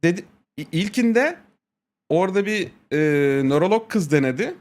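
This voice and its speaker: A man's voice: high-pitched, sing-song, moderate pace, darkish tone. A man streaming, telling a crude, profane story in casual chat, laughing often and quoting people with repeated "he said".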